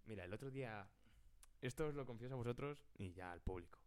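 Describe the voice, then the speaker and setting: A man's voice: mid-range voice, animated, fast, a little mellow. A man, co-hosting a podcast in loose, joking banter with laughs and swearing. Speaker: podcast co-host. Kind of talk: casual banter.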